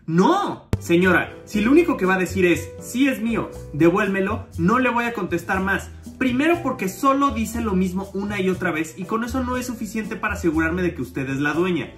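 A young man with a Mexican accent tells a story to camera, sarcastic and exasperated. His voice sits high for a man, and faint music plays under it. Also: a bit bright. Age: young adult. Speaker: youtuber. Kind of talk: casual storytelling vlog.

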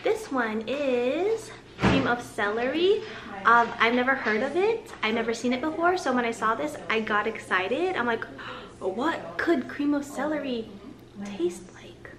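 High-voiced woman chatting through a grocery haul. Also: lively intonation, measured pace, a crowd in the background. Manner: chatty, upbeat, lingers on some words. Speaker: vlogger. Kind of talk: casual grocery haul vlog. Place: living room at home, indoors. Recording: roomy home audio with background hiss.

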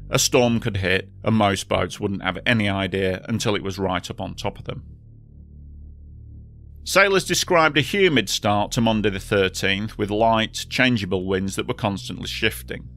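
A man narrating a history documentary in a steady, measured storytelling voice. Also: lowish voice. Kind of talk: scripted narration.

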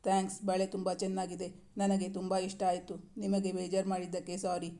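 A woman's voice: fairly low pitch, completely flat delivery, normal speed, dark tone, natural voice. A woman voicing a young wife who answers her husband curtly and with hurt feelings in a storybook reading. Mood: soothing. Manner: pouting, curt.

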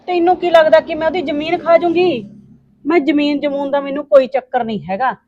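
An actress playing a bossy landowning woman in a Punjabi short film, scolding with quick retorts, with a Punjabi accent. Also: high-pitched, fairly even intonation, warm tone, lo-fi sound, a little hiss or hum, close to an everyday voice. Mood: lecturing.

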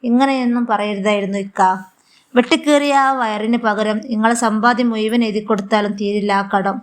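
A woman's voice: medium pitch, fairly even intonation, fairly quick, close to an everyday voice. A woman voicing a kind but firm young daughter-in-law who speaks earnestly, with a Malabar Malayalam accent. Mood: reproachful. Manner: earnest, reproachful.

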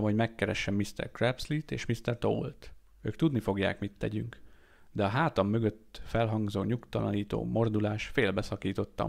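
A man reading an audiobook aloud in a steady, measured way. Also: lowish voice, vocal fry. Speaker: audiobook reader. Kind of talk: amateur audiobook narration.

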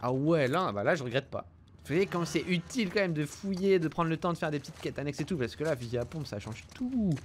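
A young man giving casual, joking and excitable game commentary in slang, jumpy when startled. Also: a little high, quick pace, slight background noise. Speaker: game streamer. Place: indoor room at home. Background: game sounds.

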